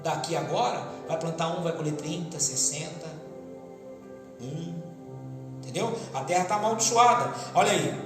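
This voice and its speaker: A Brazilian pastor with a high voice preaches to his congregation, calling for answers and acting out voices. He sounds roomy, as if in a church hall with a long ringing reverb. Music plays clearly behind him. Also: normal speed. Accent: Brazilian Portuguese. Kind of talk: Pentecostal sermon.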